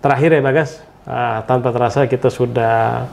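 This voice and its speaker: A man's voice: medium pitch, fairly even intonation, normal speed, gravelly, a little mellow. A middle-aged man hosting a casual podcast interview, fatherly and affirming, often humming along. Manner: fatherly, affirming with frequent hums. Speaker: podcast host, former teacher.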